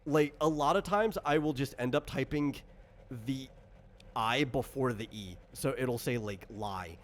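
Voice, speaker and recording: An unhurried man with a medium-pitched voice acts as game designer while hosting a casual talk on creating tabletop characters. He explains in a meandering way, often correcting himself. Recorded on a computer during an online voice call, the clip carries clear background noise from the voice chat.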